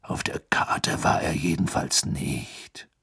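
A man voicing a gruff, weary old male wizard in an audiobook, speaking in a low, hushed growl. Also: slow, in a whisper, heavily acted.

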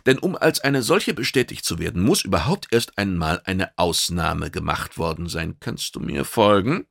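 A man voicing a calm, clever male hero who argues with cool logic in an audiobook. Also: sits low, normal speed, creaky, dry recording, studio quality, exaggerated voice. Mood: persuasive. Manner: patient, reasoning, restrained.

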